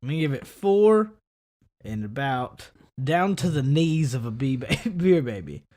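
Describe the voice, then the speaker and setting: Animated man telling a story. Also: mid-range voice, measured pace. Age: 30s. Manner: animated storytelling, swearing freely. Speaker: podcast co-host. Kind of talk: casual chat.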